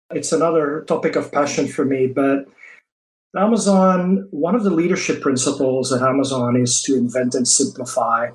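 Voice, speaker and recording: A Belgian man whose first language is Dutch appears as an interview guest, an HR executive with a Belgian Dutch accent. Earnest and enthusiastic, he often tosses in "you know" and "right?" in his mid-range voice. The recording quality is low.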